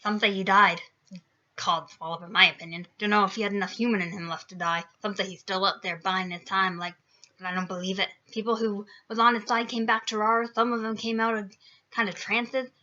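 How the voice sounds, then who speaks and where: A woman voicing a big gruff, kindly male giant gamekeeper, loud and rustic in a dull lo-fi recording. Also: medium pitch, natural voice. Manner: loud rustic dialect speech.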